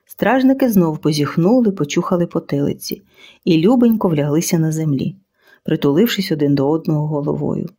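A woman reading a children's storybook aloud, expressive. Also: lowish voice. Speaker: audiobook reader. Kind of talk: storybook narration.

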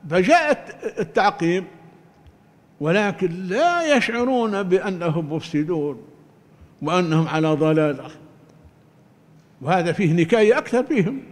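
An older man with a fairly high voice gives a religious lesson, stressing his points deliberately and often restarting a phrase. His voice rings with a long reverb, as if in a large hall. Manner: deliberate, emphatic, with many restarts. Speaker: Quran commentary teacher. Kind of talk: religious lecture.

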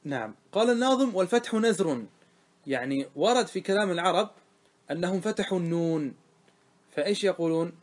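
A man's voice: sits high, expressive, brisk. A man teaching grammar in a classroom lesson, quizzing his students again and again. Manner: quizzing students with repeated questions.

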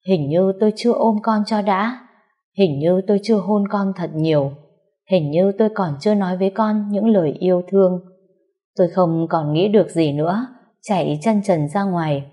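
A woman's voice: on the low side, warm tone. Woman narrating a sorrowful story. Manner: sorrowful, tender. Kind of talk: first-person story narration.

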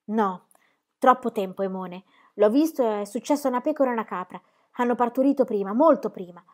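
A woman's voice: fairly high pitch, a little fast, darkish tone, natural voice. A woman reading an audiobook, voicing a desperate young male shepherd who pleads frantically and repeats himself. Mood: urgent.

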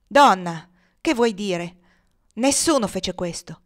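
A woman's voice: medium pitch, animated, a little fast, natural voice. A woman reading as a blustering brutal slave-owner man. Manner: blustering, loud and cursing.

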